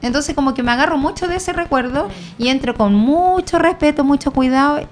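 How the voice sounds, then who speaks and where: Una mujer con acento chileno en una charla casual, narra anécdotas animadas e imita las voces que cita. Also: female voice, high voice, a little fast, soft background music. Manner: animated storyteller, acts out quoted voices. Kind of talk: casual radio chat. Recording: faint background ambience.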